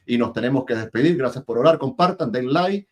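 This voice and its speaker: A male interview host talking over a video call, chatty and quick to laugh, often repeating his words. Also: mid-range voice, expressive, a little mellow. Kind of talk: casual interview and enthusiastic sign-off.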